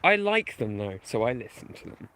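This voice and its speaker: A man's voice: medium pitch, sing-song, normal speed, fairly bright tone. A man chatting casually with his stream viewers while walking outdoors at night, rambling and self-deprecating, with lots of fillers. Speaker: video game history YouTuber. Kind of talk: casual night-walk livestream chat.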